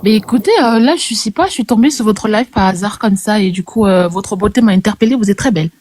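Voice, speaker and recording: A woman caller joining a live stream, gushing with compliments in a giggly, lively way. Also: medium pitch, fast talker, no room sound. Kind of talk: casual live chat.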